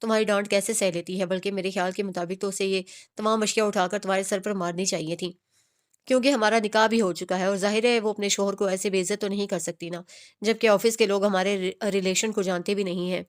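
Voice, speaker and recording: Curt young male boss from a romance audiobook, dry and unhurried, read by a woman. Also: mid-range voice, steady tone, close to an everyday voice.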